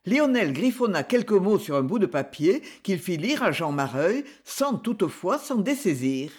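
A reader narrating a classic novel in an expressive, dramatic way. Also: medium pitch, normal speed, slightly rough. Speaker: audiobook reader.

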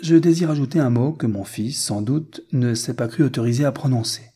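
A man's voice: mid-range voice, fairly quick, mellow, slightly rough. A man reading the lines of a proud, cold old aristocratic marquise in a haughty, formal way.

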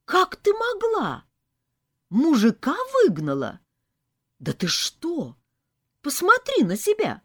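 A woman's voice: fairly high pitch, voice pushed up, heavily acted. A woman reading an audiobook voices a fussy middle-aged mother who scolds and insists.

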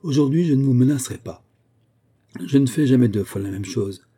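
A man reading a storybook voices a suave, ironic gentleman thief who is coolly polite and menacing. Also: medium pitch, a little fast, slightly rough, natural voice. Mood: ironic menace.

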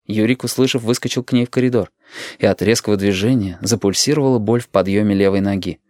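A man reading a story aloud as narrator, calm and measured. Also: fairly low pitch, no echo, studio quality. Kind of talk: audiobook reading.

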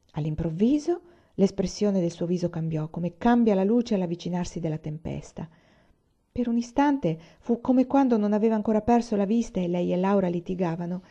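A woman reading a novel aloud in a calm, even storytelling manner. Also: mid-range voice. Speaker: reader. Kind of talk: audiobook narration. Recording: slightly dull lo-fi recording.

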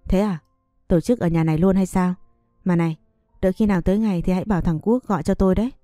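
A woman voicing a stern older mother-in-law who speaks in a sharp, reproachful way. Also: lowish voice, fairly even intonation, quick pace, dry recording, clean studio sound, soft background music, close to an everyday voice. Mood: scolding.

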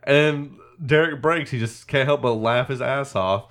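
A man's voice: mid-range voice, measured pace. A man on a podcast, casually retelling a film scene by scene, acting out quotes and laughing often. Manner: animated retelling with acted-out quotes. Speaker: podcast host. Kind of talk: casual movie recap chat.

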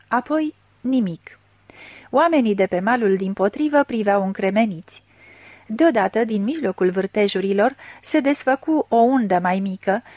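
A woman narrating a literary story aloud in a measured, dramatic reading style. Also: medium pitch, a little mellow, no echo. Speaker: audiobook narrator.

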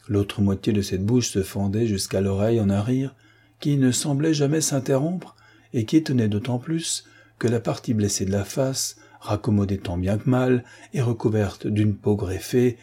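A man narrating a classic novel as an audiobook in a measured, even reading. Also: mid-range voice, breathy edge.

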